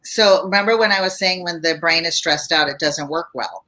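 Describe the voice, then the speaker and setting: Bright-voiced woman therapist guest. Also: on the low side, normal speed. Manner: explains calmly in a teaching tone. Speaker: marriage and family therapist guest. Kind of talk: casual advice chat.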